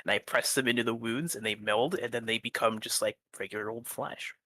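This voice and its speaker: A woman with a low but bright, forceful voice plays a tabletop game, close and dry. She narrates her actions casually and talks in character. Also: fairly even intonation, fairly quick, dry recording.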